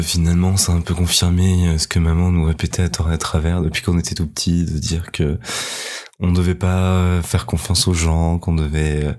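A man of about thirty talks about his work and life in a very deep, low voice. He hesitates often, filling pauses and laughing between thoughts in an easygoing interview. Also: darkish tone. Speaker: guest, heritage guide. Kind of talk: casual interview chat.

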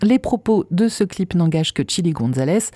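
A woman's voice: lowish voice, animated, moderate pace, mellow, dry recording, clean studio sound. A woman presenting the new-release music segment on a local radio station, reading a polished, enthusiastic script.

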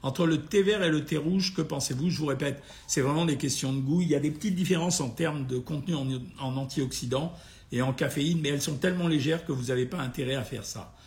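A man with a gravelly, hoarse, tired voice, informally answering listeners' questions as a doctor in a blunt, familiar way. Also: fairly high pitch, fast, darkish tone. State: tired, a bit worn out. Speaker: doctor hosting a nutrition question-and-answer session. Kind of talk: informal live question-and-answer, reading out comments and replying.

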